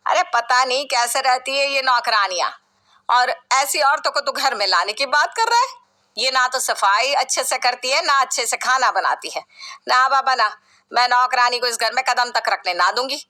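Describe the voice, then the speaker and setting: A woman's voice: sits high, moderate pace, sharp tone. A woman voicing a harsh, scornful middle-aged mother-in-law who scolds and commands in a story narration. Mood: scolding.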